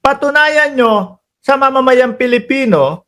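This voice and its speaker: A Filipino-accented man hosting a casual political commentary stream, chatty and quick to laugh, calling out to his viewers. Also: very high-pitched, expressive, sharp tone. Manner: chatty, laughs often, addresses viewers as bossing and kababayan. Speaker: political commentary livestream host.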